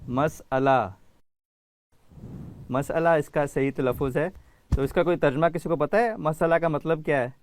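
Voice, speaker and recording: A man's voice: fairly high pitch, a little mellow. A man hosting a children's education program, patiently calling on kids by name to answer quiz questions.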